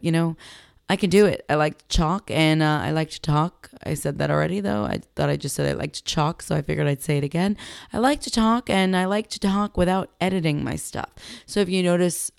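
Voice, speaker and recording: A young woman with a low, gravelly voice hosts her own podcast, chatting in a loose, self-joking way. She talks into a headset mic, and the sound is close and dry with no room around it. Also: dry recording. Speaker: podcast host and sex educator. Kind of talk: unscripted solo podcast chat. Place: home studio in a big US city.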